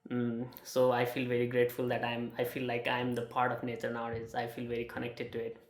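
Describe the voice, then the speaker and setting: A young man from Nepal with a Nepali accent, sharing a personal testimonial in a halting way, with many fillers and restarts. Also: mid-range voice, completely flat delivery, roomy sound. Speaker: student sharing his experience.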